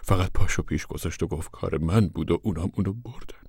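A man's voice: low voice, a little mellow, slightly rough, no room sound, clean studio sound. A man voicing a sorrowful, guilt-ridden middle-aged man with a weary, heavy-hearted way of pleading.

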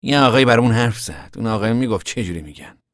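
A man voicing a blunt, restless young adult son in an audiobook, talking in rough colloquial speech. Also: medium pitch, expressive, dry recording, clean studio sound, pitched above the performer's own voice, lightly acted. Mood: agitated. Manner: rough, plain-spoken colloquial talk. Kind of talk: audiobook character voice.

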